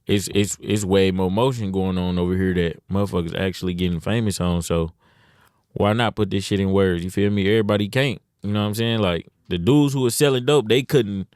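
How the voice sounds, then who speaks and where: Guesting on a podcast in a casual interview, a young Detroit rapper speaks briskly in a low, darkish, clean voice. He talks in laid-back slang and keeps dropping "you know what I'm saying." The recording is studio quality with no room sound, made in Detroit, USA.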